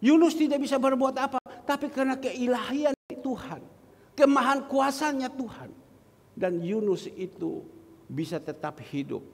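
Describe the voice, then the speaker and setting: A man preaching a sermon as pastor, speaking straight to his congregation and reading scripture verses slowly. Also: very high voice, lively intonation. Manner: addresses the congregation directly, quotes scripture slowly. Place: church hall. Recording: long church hall reverb.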